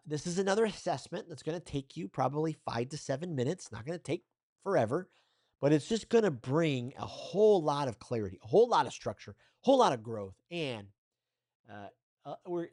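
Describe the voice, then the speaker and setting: A man's voice: fairly high pitch, a little mellow. A man teaching a recorded training lesson as a communication coach, speaking straight to the viewer in an upbeat, encouraging and loosely conversational way. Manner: loose and conversational, with fillers and restarts. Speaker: communication coach, course instructor.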